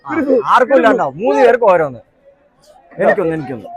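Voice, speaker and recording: A man's voice: high voice, very animated, quick pace, a crowd in the background. A young man with a Kerala accent doing casual vlog chat in Malayalam mixed with English words, often repeating himself. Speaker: vlogger. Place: outdoors at a festival.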